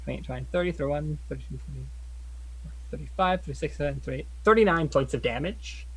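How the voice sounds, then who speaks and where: A man's voice: fairly high pitch, fairly quick, husky, low-quality recording. A man chatting casually as a player in a tabletop game, often counting up his dice aloud.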